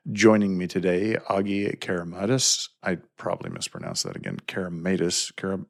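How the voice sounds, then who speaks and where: A man hosting a podcast and chatting with a guest in a relaxed, self-deprecating, conversational way. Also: deep voice, a little fast, vocal fry. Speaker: podcast host. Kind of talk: casual interview chat.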